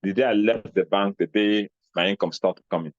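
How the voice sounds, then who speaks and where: A man with a Nigerian accent giving a motivational talk, animated, acting out little scenes in a raised voice. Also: on the low side, a little fast, dry recording, highs cut off. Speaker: speaker on personal finance.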